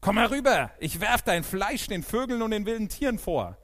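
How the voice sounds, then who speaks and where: A preacher voicing a scornful giant male warrior during a scripture reading, shouting and sneering. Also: high voice, very animated, normal speed, pitched above the performer's own voice.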